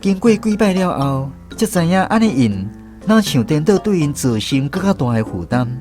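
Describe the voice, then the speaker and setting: A man with a Taiwanese accent voices a reflective film director narrating his memories in a scripted first-person radio drama. His slightly high, a little mellow voice swings widely in pitch at a moderate pace, and instrumental music plays underneath as a music bed.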